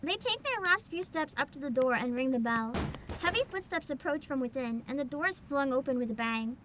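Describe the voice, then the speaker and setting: A woman's voice: high-pitched, brisk, noisy background. A woman streaming a story game, switching between giggly casual commentary and reading narration aloud. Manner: animated, giggly.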